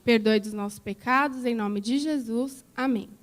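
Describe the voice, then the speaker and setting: A woman tells a Bible story to a group of children at church, her voice sitting a little high. She coaxes the kids with questions as she goes and keeps it simple for young listeners. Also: normal speed. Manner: coaxing, asks children questions.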